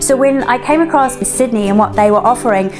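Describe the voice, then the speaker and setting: A woman's voice: a little high, a little fast. Upbeat woman over background music. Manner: upbeat, energetic. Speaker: author, speaker and trainer. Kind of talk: testimonial to camera.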